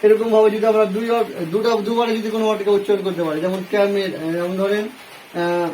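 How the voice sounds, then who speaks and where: High-voiced Bengali man teaching grammar. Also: flat delivery, brisk, a little mellow, a little hiss or hum, rough recording. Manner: explains step by step, asks and answers his own questions. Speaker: English teacher. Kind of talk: classroom grammar lesson.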